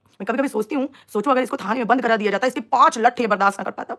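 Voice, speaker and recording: A woman's voice: on the high side, rapid-fire, a bit bright. A young woman chatting on a live stream, teasing and mocking rivals while talking to her viewers. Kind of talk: casual live stream chat.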